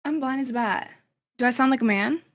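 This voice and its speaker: A young woman in casual chat, telling stories quickly and a bit flustered. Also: high-pitched.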